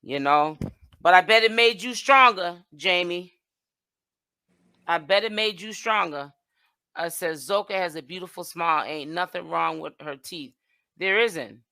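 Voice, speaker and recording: Lady chatting on her stream, bright voice, dry close mic, reads comments and trails off. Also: fairly low pitch, measured pace, no room sound. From Boston, Massachusetts. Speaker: host of a livestream commentary channel. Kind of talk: casual chat reading viewer comments.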